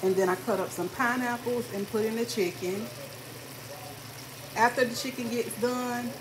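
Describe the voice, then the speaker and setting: A woman's voice: a little high, fairly even intonation, normal speed, background noise. A tired woman chatting casually while she cooks and cleans in her home kitchen. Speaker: family vlogger. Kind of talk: casual chat.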